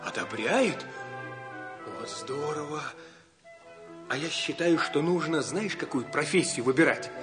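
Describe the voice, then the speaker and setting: An actor playing a boyish, excitable, naive young friend in an old radio drama style. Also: male voice, fairly high pitch, unhurried, pauses often, music in the background. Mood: curious, doubtful.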